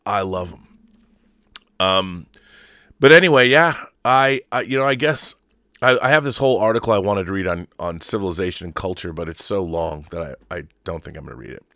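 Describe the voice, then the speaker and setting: Low-voiced and brisk, this middle-aged man sounds bright and forceful, his intonation lively, in a studio-quality recording with no room sound. He's hosting a film fandom livestream, offering casual, opinionated fan commentary and answering viewers' messages while rambling and repeating words as ideas come to him.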